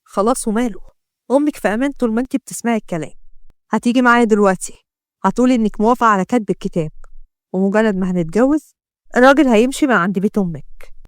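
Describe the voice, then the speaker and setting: Brief: a woman playing a cold Egyptian mafia boss, low and taunting, dry close voice, storybook reading. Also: smooth, no echo, close to an everyday voice. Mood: menacing. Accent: Egyptian Arabic. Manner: low, slow, taunting threats. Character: menacing male mafia boss, cold and threatening.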